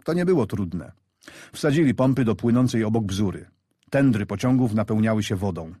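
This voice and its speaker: A man narrating a war story in a measured storyteller's way, lifting his voice for the soldiers he quotes. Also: on the low side, lively intonation, warm tone, husky, dry recording, clean studio sound.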